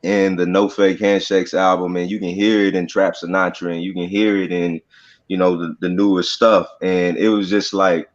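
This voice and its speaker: A man's voice: low-pitched, little pitch movement, moderate pace, dull audio. A man guesting on a podcast, talking in a laid-back, profane way with lots of fillers. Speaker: rapper guest. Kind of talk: casual podcast interview.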